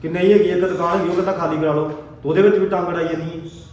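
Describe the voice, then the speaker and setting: An actor playing a young husband out of work who defends himself and pleads with those who scold him. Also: male voice, high voice, steady tone, very fast, a little mellow, a little hiss or hum, lightly acted. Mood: pleading. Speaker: husband in a family drama.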